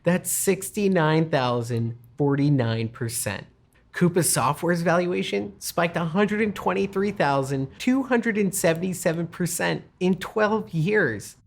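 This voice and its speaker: A man with a medium-pitched voice presents as an investment co-host. He delivers scripted promotional material emphatically, leaning on the numbers like a salesman. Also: lively intonation, a little slow, gravelly. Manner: emphatic, salesy, stressing figures.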